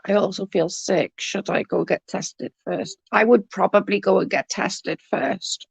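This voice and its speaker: Speaking at a measured pace with a medium pitch, this woman has a gravelly voice with a breathy edge and no echo around it. She's a livestream host, blocked-up and coughing, her voice going as she chats informally with live viewers and says hello to them by name.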